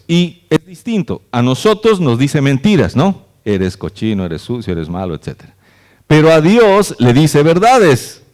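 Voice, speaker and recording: A man's voice: fairly high pitch, darkish tone. A man, a pastor, preaching a conversational sermon at a church service and often checking in with "¿no?". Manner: earnest, conversational, frequent "¿no?" tags.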